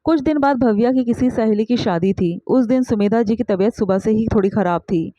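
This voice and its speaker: A woman narrating a scripted family story in a steady, even storytelling voice on a dull lo-fi recording. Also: on the high side, fairly quick, dry recording.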